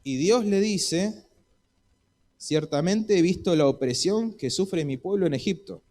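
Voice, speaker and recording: Argentine guy preaching in church, slightly high voice, acts out the bible dialogue in voices. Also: expressive, measured pace, a little mellow. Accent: Argentine Spanish. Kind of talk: sermon.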